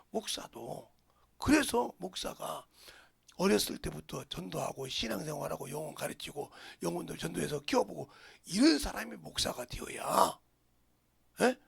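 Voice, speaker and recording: A male pastor from the region, preaching a sermon in an animated way and dropping into whispers for emphasis. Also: high voice, gravelly, husky. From Jeolla, Korea.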